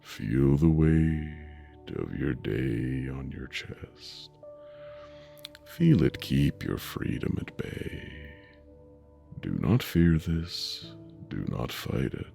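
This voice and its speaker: Very deep, gravelly man guiding sleep meditation. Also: big pitch swings. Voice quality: deep rumbling voice. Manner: slow, soothing, hushed delivery with long pauses. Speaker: meditation guide. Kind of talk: guided sleep meditation narration. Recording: soft music bed under voice. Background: soft music.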